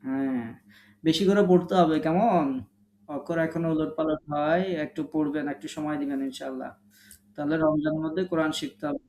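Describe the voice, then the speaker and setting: A man with a Bangladeshi Bengali accent teaching a live online Quran recitation class. He patiently corrects students one by one, drawing out sounds slowly and repeating them. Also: a little high, steady tone, darkish tone, a little hiss or hum. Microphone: online class call.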